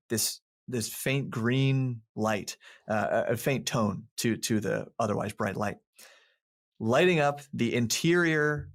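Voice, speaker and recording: Guy running a tabletop game, rambly descriptions, lots of ums and laughs, middle pitch. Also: a bit bright. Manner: rambling descriptive narration with many fillers; laughs often between descriptions. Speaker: game master.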